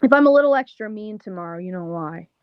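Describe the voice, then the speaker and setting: A young woman with a thick Long Island accent talks loosely and casually, packing her sentences with "like" and "um". Her voice sits at an ordinary pitch. The recording is dry and a little dull, with no room sound around her. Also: expressive, fast, no echo. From Las Vegas, Nevada. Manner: casual, slangy, lots of "like" and "um". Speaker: pro wrestler, interview guest. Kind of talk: casual interview chat.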